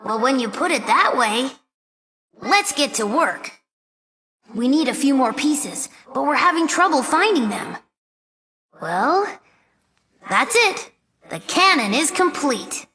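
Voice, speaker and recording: A woman performs video game voice lines as an earnest, brainy young fox boy sidekick, sounding youthful, boyish, articulate, focused and curious. Her high voice swings widely in pitch, pushed and bright in a full character performance, delivered slowly with frequent pauses.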